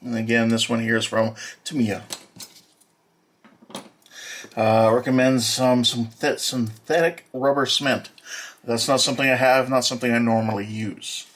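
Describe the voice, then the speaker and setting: A man walking through an unboxing as a hobby model builder, talking in a plain, matter-of-fact way with many filler pauses. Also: medium pitch, little pitch movement, a bit bright, a little hiss or hum. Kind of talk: unboxing walkthrough.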